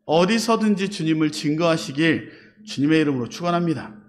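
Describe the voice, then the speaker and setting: A pastor delivers a Sunday sermon in a church sanctuary with a notably high-pitched male voice. He keeps asking his listeners questions and answering them himself, and he slips into the voices of the people he quotes. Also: expressive, fairly quick. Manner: preaching with call-and-response questions and dramatized quotes.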